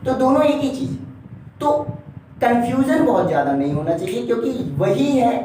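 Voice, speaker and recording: A man's voice: very high-pitched, animated, normal speed, mellow, slight background noise. A male teacher giving an exam-prep lesson at a board. He keeps checking in with a questioning "right?" and calls his viewers dear children. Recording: very echoey room, mic far off.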